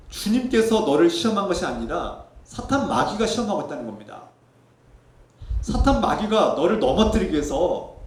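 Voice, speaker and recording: A male pastor preaching a sermon in earnest tones, sometimes quietly reflective and sometimes emphatic. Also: far from the mic. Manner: softens to a low reflective tone for personal testimony. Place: church sanctuary. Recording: echoey church sanctuary.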